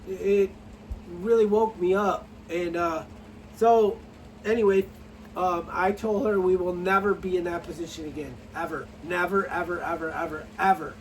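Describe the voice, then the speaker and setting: A middle-aged man, a farmer, telling his story in a rambling, halting way with many restarts and some dry sarcasm. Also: sits high, fairly even intonation, distant mic, slight background noise, low-quality recording. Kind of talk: casual personal story to camera.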